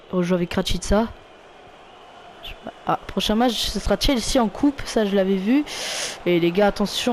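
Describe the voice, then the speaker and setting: A man with a French accent giving casual play-by-play commentary of his football video game, calling out player names and getting loud when a goal comes. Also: sits high, a little hiss or hum. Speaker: gaming YouTuber.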